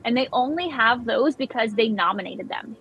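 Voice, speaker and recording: A woman's voice: a little high, lively intonation, normal speed, a bit bright, highs cut off, slight background noise. A woman guesting on a casual livestream chat, talking eagerly in long rambling runs. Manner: eager, rambling, many fillers and restarts.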